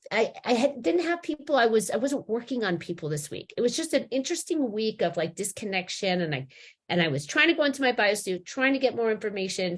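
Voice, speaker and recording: Her voice sits in the mid range, hoarse and rough, as this woman gives a casual teaching about spiritual awakening. She wanders, starts over often, and slows to emphasize important words.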